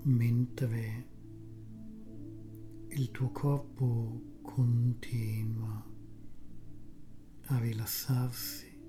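A soft, breathy, half-whispering voice guiding a relaxation meditation soothingly, in short phrases with long pauses. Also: medium pitch, little pitch movement, over music. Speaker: guided meditation narrator.

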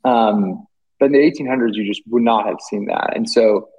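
A man's voice: fairly low pitch, moderate pace, darkish tone, breathy edge, muffled recording. A British man, an artist guest, talking casually and hesitantly with many fillers and restarts. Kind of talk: casual interview chat.

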